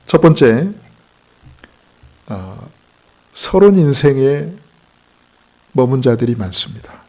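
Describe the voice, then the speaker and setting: A man's voice: mid-range voice, sing-song, slow pace, darkish tone. A male pastor preaching a Sunday sermon, asking the congregation rhetorical questions and telling humorous anecdotes.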